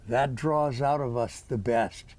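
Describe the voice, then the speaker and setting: A man's voice: medium pitch, takes it slowly, darkish tone. A man in his eighties, an author, answering interview questions with rambling, folksy stories full of quoted dialogue. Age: 80s.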